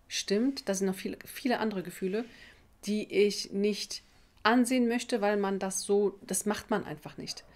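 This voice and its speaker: A woman's voice: medium pitch, a little mellow. Conversational woman, native Arabic speaker. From Tunisia. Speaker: self-help video presenter. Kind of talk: informal explanatory talk to camera. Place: small office indoors.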